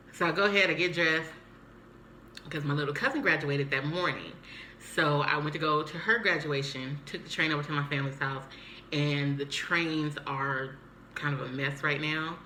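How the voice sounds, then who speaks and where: A young woman recounts her day in a casual vlog, animated and quick to mimic others. Her voice sits low yet sounds bright and forceful. The room rings with echo, and a faint hiss runs beneath. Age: young adult. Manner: animated, acts out quoted voices. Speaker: vlogger.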